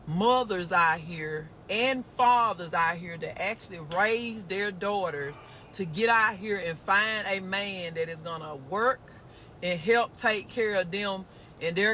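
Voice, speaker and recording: A man with a very high, sharp, piercing voice rants in a played clip. He is emphatic and slangy and scolds his listener directly. A faint hum of noise sits behind him. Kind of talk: preachy street-talk rant.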